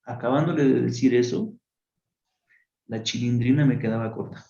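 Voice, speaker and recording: A friar being interviewed on a radio program, telling a personal testimony with lively, acted-out voices. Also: male voice, medium pitch, normal speed, gravelly, echoey room, highs cut off. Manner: animated storyteller who acts out voices. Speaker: friar telling his story. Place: radio studio.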